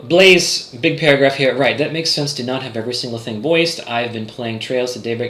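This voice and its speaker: A man's voice: mid-range voice, fairly bright tone, echoey room, slight background noise. A man developing a game, chatting casually on a livestream and rambling with lots of fillers and restarts. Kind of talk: casual livestream chat reading chat.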